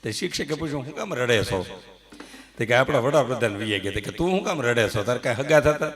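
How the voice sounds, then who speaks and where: Into a stage microphone, a middle-aged stand-up comedian delivers a live folk comedy monologue of jokes and stories, leading the audience in applause. His mid-range voice is animated, fast and fairly bright.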